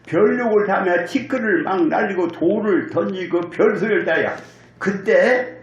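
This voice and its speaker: A man's voice: high voice, normal speed, lo-fi sound. A male pastor preaching a sermon, telling the story vividly, acting out quotes and calling on the congregation to answer. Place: church sanctuary. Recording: echoey church hall.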